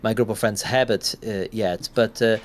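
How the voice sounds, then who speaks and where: A man's voice: on the low side, steady tone, normal speed, slight background noise. A man co-hosting a gaming podcast, talking in a rambling, casual way and swearing now and then. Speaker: podcast co-host.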